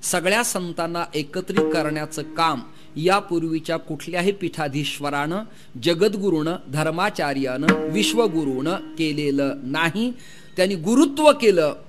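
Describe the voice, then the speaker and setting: A man preaching a devotional kirtan sermon to a gathering, emphatic, firing rhetorical questions and long lists, speaking into a mic with faint devotional music behind. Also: fairly high pitch. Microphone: mic through a sound system.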